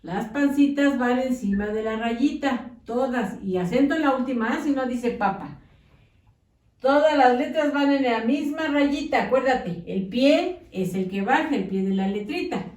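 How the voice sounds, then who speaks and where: A woman teaching young children to write, dictating slowly and patiently, with a coaxing manner and many diminutives. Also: high voice, darkish tone, roomy sound, recorded from a distance. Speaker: primary school teacher.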